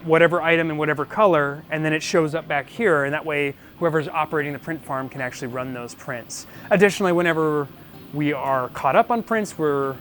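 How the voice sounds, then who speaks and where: Higher-voiced man giving a casual shop tour. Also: fairly quick, a bit bright, soft background music. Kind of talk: casual walk-through vlog narration. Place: indoors, small business office and print shop.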